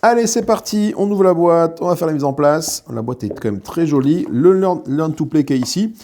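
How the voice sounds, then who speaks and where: A man's voice: fairly high pitch, expressive, moderate pace, darkish tone, shouting. A man hosting his own board game channel, giving casual, chatty commentary on a solo playthrough with lots of hesitations and self-mocking asides. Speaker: board game video host.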